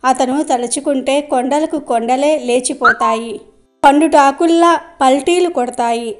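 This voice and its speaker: A woman voicing a wily flattering old sage. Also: high voice, measured pace, faint music behind. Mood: coaxing. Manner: coaxing, flattering.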